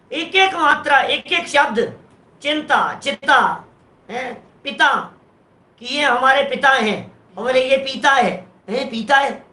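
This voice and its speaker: Speaking at an extremely high pitch with a sharp edge, this Jain preacher's sermon rings out in a reverberant space. He unpacks the verse one phrase at a time, pausing to pose rhetorical questions to the audience.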